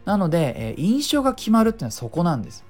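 With faint music in the background, this middle-aged man talks rapid-fire in a high voice whose pitch swoops wildly. As host of a casual solo podcast, he rambles chattily, explains his points, passes along speaking tips, and throws in little sound effects with his mouth.

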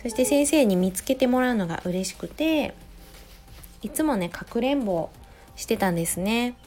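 A woman in her thirties, a mother, talking in a gentle, chatty way in a casual solo audio diary, close to the mic. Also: fairly high pitch, lively intonation, normal speed. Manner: gentle, chatty, many soft "ne" tags. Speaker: podcast host, mother of a preschooler. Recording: faint music behind voice.

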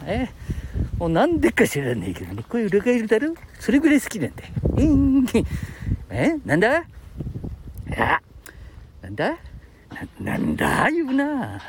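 A man's voice: high-pitched, huge pitch swings, normal speed, long pauses, a little hiss or hum. A man in his late seventies from Aichi, chatting and reminiscing with chuckles on a live stream in Aichi dialect. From Aichi, Japan. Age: 70s. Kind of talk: casual live-stream chat.

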